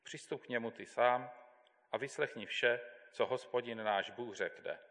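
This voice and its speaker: A man giving a measured, deliberate Bible reading as a scripture reader in a church. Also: medium pitch, fairly bright tone. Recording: long hall reverb.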